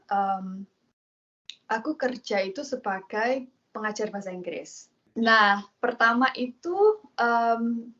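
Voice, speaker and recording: A young woman from Indonesia telling her story as an interview guest, pausing with many fillers and acting out quoted lines. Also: medium pitch, a bit bright, muffled recording. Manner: hesitant, many fillers, acts out quoted dialogue.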